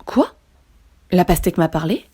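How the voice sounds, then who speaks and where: A woman voicing an excitable, gullible male elephant in a children's story. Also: fairly low pitch, moderate pace, husky. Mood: excited. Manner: eager, exclamatory.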